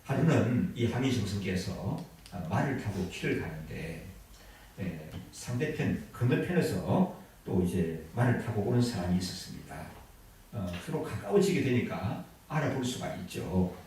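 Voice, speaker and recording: A man's voice: fairly low pitch, big pitch swings, moderate pace, darkish tone, very echoey, far from the mic, slight background noise, rough recording. A man preaching a sermon as a pastor, telling a story and asking the congregation questions. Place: church sanctuary.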